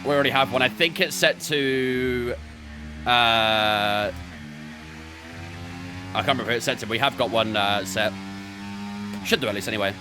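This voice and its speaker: A man's voice: mid-range voice, normal speed, pauses often, music in the background. A young man streaming a racing game from his bedroom, chatting with viewers between laps. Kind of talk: casual live-stream chat while racing.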